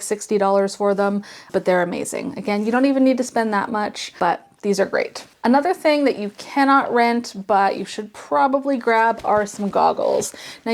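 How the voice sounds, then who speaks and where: A woman's voice: medium pitch, a little mellow. A woman hosting a casual instructional vlog, speaking to camera in an encouraging, reassuring and plain-spoken way. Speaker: host giving beginner ski tips.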